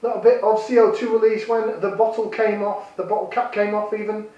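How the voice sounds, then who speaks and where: Man, jokey beer reviewer, high-pitched, sounds set back from the mic. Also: level tone, fairly quick, dark tone, very echoey, far from the mic, highs cut off. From Yorkshire, England. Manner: chatty, jokey, self-deprecating. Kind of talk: casual vlog review.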